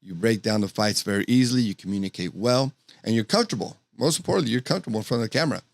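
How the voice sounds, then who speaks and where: A man's voice: on the low side, lively intonation, rapid-fire, gravelly, dry recording. Enthusiastic podcast host man, dry sound. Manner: enthusiastic, effusive hype. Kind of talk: casual podcast chat.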